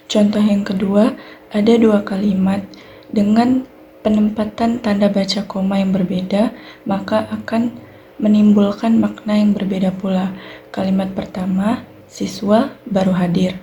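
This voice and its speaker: Young woman, Indonesian accent, student presentation, mellow voice, slight background hiss. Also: mid-range voice, flat delivery, a little slow, long pauses. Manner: clear explanatory delivery, fillers like "nah" and "baik". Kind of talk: recorded class presentation.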